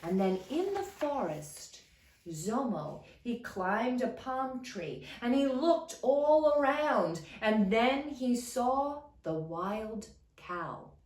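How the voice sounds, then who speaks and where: Animated, slow-paced woman telling a trickster tale. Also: fairly high pitch. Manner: dramatic, expressive storytelling with deliberate emphasis. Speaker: storyteller reading a picture book. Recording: roomy echo, mic at a distance.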